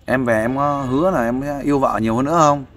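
A man's voice: medium pitch, fast, a bit bright. A man giving fatherly, persuasive advice in a casual interview, often asking for agreement. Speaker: volunteer counselor interviewing a guest.

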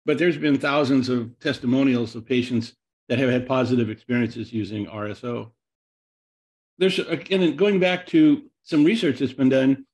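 A man's voice: mid-range voice, a little mellow. A man hosting a webinar, presenting slides in a loose, rambling way with repeated words and restarts. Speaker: webinar host.

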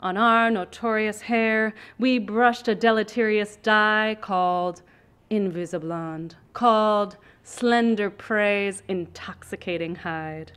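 A woman reads her poetry aloud with a bright, forward tone. Her voice is crisp and clean. Her delivery is rhythmic and incantatory. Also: mid-range voice, fairly even intonation, takes it slowly. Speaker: poet. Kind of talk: poetry reading.

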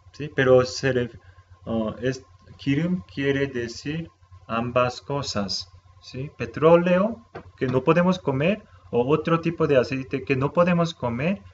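Patient man teaching slowly, dull sound. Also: mid-range voice. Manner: patient, repeats words slowly, checks in with "¿sí?". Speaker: Korean language teacher. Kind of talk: explaining vocabulary to a video audience. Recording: slightly dull sound with faint noise.

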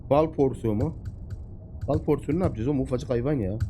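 A man giving casual, excitable let's-play commentary, chatting away and talking to the animals in the game. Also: medium pitch, fast talker, slight background noise. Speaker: gameplay commentator.

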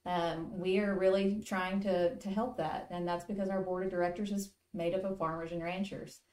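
Female guest, 30s, lender, calm explainer, lowish voice, echoey studio sound. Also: moderate pace. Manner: steady, informative, frequent "um" fillers. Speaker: farm lending relationship manager, guest. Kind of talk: explanatory interview answers. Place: indoor studio with virtual backdrop. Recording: roomy room sound.

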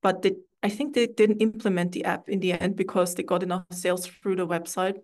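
This young woman from Austria chats casually in English as an interview guest, sharing her story in an easygoing way through a video call at home. She talks fairly quickly, her voice sitting fairly low.

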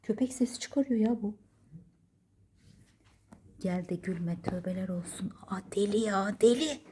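A woman's voice: medium pitch, measured pace, warm tone, slight background noise. A woman at home filming her cats on a phone, giving casual running commentary, laughing often and playfully cooing at and scolding them.

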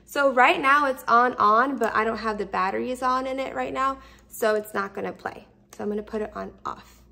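A woman in her thirties, a product reviewer, casually demonstrates a product step by step in the open kitchen and dining room of her home, explaining simply and repeating instructions. Her voice is on the high side, pushed and bright with vocal fry, at a moderate pace.

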